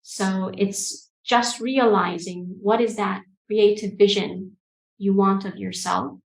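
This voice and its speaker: A woman in her forties, from Egypt and the UK, giving reflective interview answers over a video call, calm and pausing with frequent ums. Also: mid-range voice, creaky. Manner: thoughtful, calm, hesitant with ums. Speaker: guest coach. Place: room with bookshelves. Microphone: earbud mic on video call. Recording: roomy video call audio.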